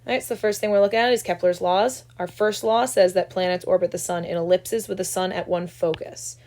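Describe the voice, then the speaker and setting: A woman's voice: on the low side, fairly even intonation, a little fast, a little mellow. A young woman, teaching an astronomy lab tutorial in a loose, chatty way and often asking "right?". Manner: chatty, loose, full of "right?" check-ins. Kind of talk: casual screen-recorded tutorial.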